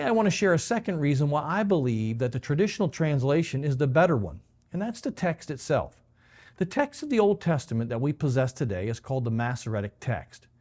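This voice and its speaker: Lively-voiced pastor teaching scripture. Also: male voice, medium pitch. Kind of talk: scripted Bible teaching to camera.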